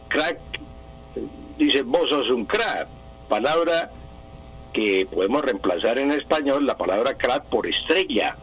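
A man's voice: medium pitch, slight background noise, low-quality recording. A man answering listener language questions on radio, patient and teacherly, repeating his points. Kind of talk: radio language advice segment.

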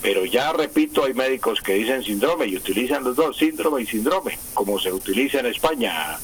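A man's voice: mid-range voice, lively intonation, brisk, a bit bright, slight background noise. A man, a language expert on a live radio news show, explaining patiently with frequent hesitations and repetitions over a phone line. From Colombia. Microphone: phone line to the studio.

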